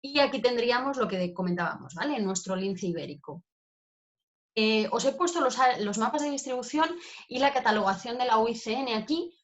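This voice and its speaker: A woman's voice: fairly high pitch, animated, brisk, dull audio. A woman giving an informal talk over slides as a wildlife educator, chatty and full of check-in tags. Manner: chatty, peppers phrases with "¿vale?".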